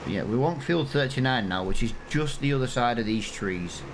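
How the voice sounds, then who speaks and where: Brisk and lively in intonation, his mid-range voice carries over a noisy background. He's an English gaming channel host in his thirties, casually commentating on a farming game in a rambling, self-deprecating let's-play.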